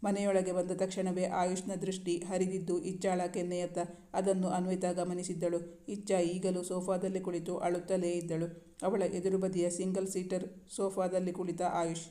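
A woman narrates a romantic story serial in a steady storytelling manner. Her voice is mellow and stays almost level in pitch. The recording has a roomy echo. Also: normal speed.

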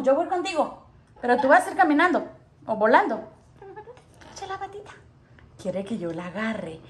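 Woman cooing at her parrots in baby talk, high voice, swoops all over the place. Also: a little hiss or hum. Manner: cooing, sing-song, often laughing. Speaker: pet parrot owner.

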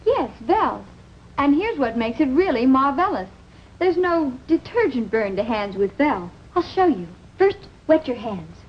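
A woman's voice: high-pitched, sing-song, unhurried. A woman playing an assured housewife giving an emphatic, instructive demonstration in a 1950s TV commercial. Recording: dull, noisy vintage TV soundtrack.

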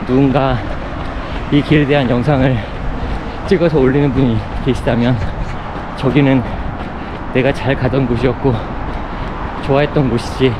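A man's voice: medium pitch, flat delivery, normal speed, long pauses. A man speaking in short phrases while running, in a reflective, casual vlog monologue. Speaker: running vlogger. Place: outdoors on city running paths. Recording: clear outdoor urban noise, passing traffic.

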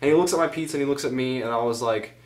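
A teenage boy vlogging at home talks very fast in a mid-range man's voice, rambling, wandering off on tangents and joking at his own expense. The sound comes from the camera's built-in mic.

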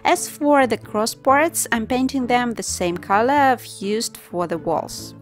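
A woman's voice: on the high side, expressive, a little slow, faint music behind. Woman narrating a home DIY vlog. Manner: plain, practical step-by-step explaining. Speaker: DIY channel host. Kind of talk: voice-over narration of a home renovation.

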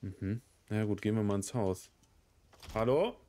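With a fairly low, mellow voice at normal speed, this man in his thirties hosts a let's play while sick with a cold. He coughs, swears and mutters casually as he reacts to the game.

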